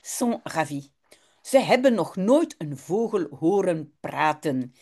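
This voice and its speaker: A woman teaches at an unhurried pace, reading a short text and explaining it word by word. Her pitch moves freely up and down as she explains. She is patient and thorough, like a tutor going through a lesson. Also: big pitch swings, warm tone. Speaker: language teacher.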